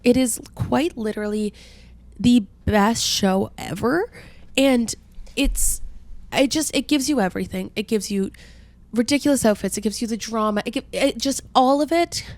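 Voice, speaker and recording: A woman's voice: on the high side, moderate pace, a little mellow, no echo. Congested young woman, chatty podcast co-host. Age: 20s. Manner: gushing, chatty with "like" fillers. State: congested, nasal from a cold. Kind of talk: casual chat.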